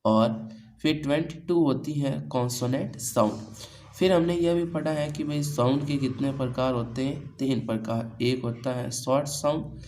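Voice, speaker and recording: A man's voice: medium pitch, normal speed, darkish tone, slight background noise, rough recording. Man teaching in Hindi. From India. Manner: repeats key points as questions to students. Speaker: English teacher. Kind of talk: classroom lesson.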